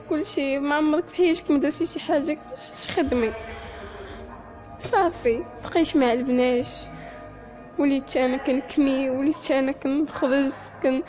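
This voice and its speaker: A young woman with a Moroccan accent telling her own sad life story, halting and often near tears. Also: sits high, muffled recording. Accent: Moroccan Arabic. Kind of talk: personal story told to listeners.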